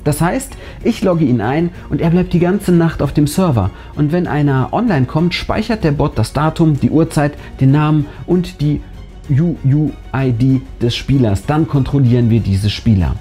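A man with a somewhat high, dark-toned voice reads a scripted first-person horror story at a moderate pace, building drama and suspense. He is the narrator and channel host, and a music bed plays behind him.

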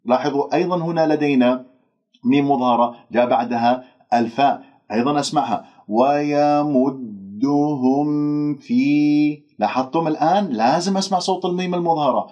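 A man teaching Quran recitation. He stretches out demonstration words slowly, then explains briskly. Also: mid-range voice, darkish tone. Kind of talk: pronunciation lesson. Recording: dull lo-fi recording.

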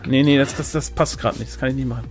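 A man's voice: medium pitch, steady tone, fast. A man chatting playfully while gaming with friends, stumbling through half-remembered lines. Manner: playful, fumbling recitation. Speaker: let's play gamer. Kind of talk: casual gaming banter. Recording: voice chat with faint background music.

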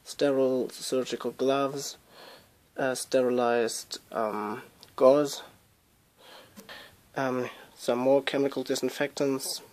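A young man explaining things in a casual handheld phone vlog, with measured, precise and rather formal wording. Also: mid-range voice, steady tone, a little mellow. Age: young adult.

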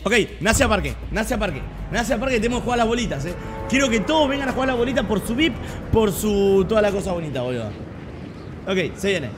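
A young Argentine man streaming a game live, chatting in slang, repeating himself and breaking into sudden loud outbursts. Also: high voice, expressive, quick pace, over music. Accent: Argentine Spanish. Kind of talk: live gameplay streaming chat.

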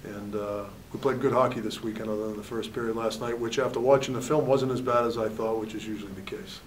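This man in his forties, a head hockey coach, talks fast in a steady, low-ish tone while candidly fielding postgame press questions and frequently saying "you know." He's recorded by a distant table mic in a press room with a backdrop, with slight hiss or hum.

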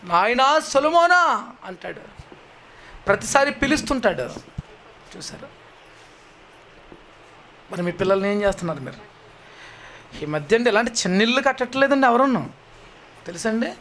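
A man's voice: high-pitched, fairly bright tone, a little hiss or hum. A man preaching a sermon, pleading and asking rhetorical questions, his voice rising and dropping sharply. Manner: pleading, rhetorical questions with sudden rises and drops.

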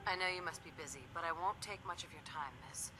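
Actress as a composed, low-voiced wasteland heroine. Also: female voice, quick pace, music in the background, close to an everyday voice. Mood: polite, concerned. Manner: reassuring, composed. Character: calm, helpful female wasteland hero in armor. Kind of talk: video game dialogue.

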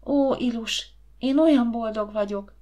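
A playful, lovestruck teenage girl, as a woman narrator puts her on in a storybook reading. She speaks in breathless, eager whispers, pitched a little higher than the reader's own voice. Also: lively intonation, a little mellow, natural voice. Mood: excited whispers.

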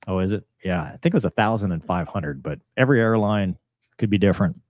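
Speaking quickly with lively intonation, a low-pitched, slightly mellow male voice delivers relaxed explanatory commentary. He's a former fighter and airline pilot in his forties, hosting from a small home room via video call and leaning on pilot jargon.

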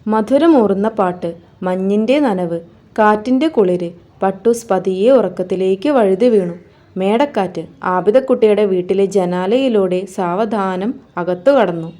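A woman teacher reading a children's story aloud expressively and then explaining it with gentle questions. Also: medium pitch, measured pace.

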